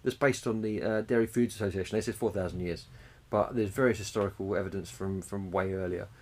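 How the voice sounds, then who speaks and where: A man's voice: sits low, fairly even intonation, fast talker. A man, co-hosting a casual podcast chat, swearing freely and chuckling as he talks. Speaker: podcast co-host.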